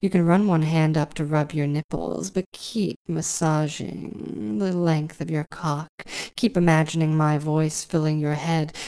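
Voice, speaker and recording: Low, smooth-voiced woman hypnotist. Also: dark tone. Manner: slow, hypnotic, flowing repetitive phrasing. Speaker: audio hypnotist. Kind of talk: intimate scripted hypnosis narration.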